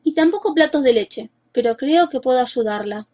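A woman voicing a matter-of-fact woman shopkeeper who answers calmly. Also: sits high, normal speed.

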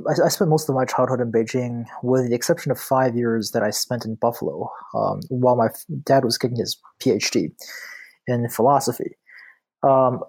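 A man's voice: medium pitch, a little mellow. A man from China, a law professor, answering interview questions in a thoughtful way with many fillers and restarts. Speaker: guest author, law professor.

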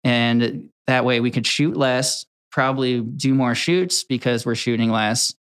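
This is a young Connecticut, USA video editor being interviewed about work, and he sounds easygoing and rambling, with plenty of ums and false starts. His mid-range voice is a little slow with a clean tone.

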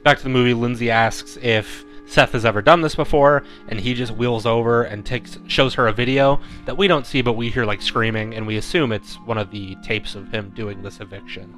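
A man's voice: medium pitch, steady tone, a little fast, few pauses, fairly bright tone, faint music behind. A man co-hosting a podcast, casually recapping a movie scene by scene with a lot of ums and laughs. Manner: laid-back, frequent ums and laughs. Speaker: podcast co-host.

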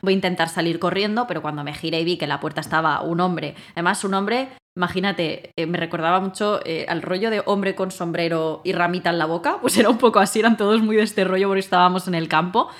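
Brief: rapid-fire female guest, animated storyteller. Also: on the low side. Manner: animated, acts out her own quotes loudly. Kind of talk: casual storytelling conversation.

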